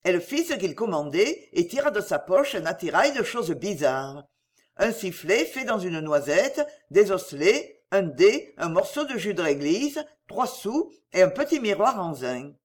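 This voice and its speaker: A woman narrating a classic novel as an audiobook, in an expressive storytelling manner. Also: on the low side, a little slow.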